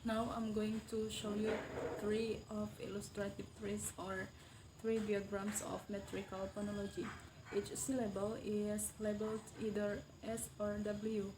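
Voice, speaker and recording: A woman's voice: mid-range voice, background noise. A young woman student explaining metrical trees in a class presentation, reading carefully; her first language is Indonesian. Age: young adult.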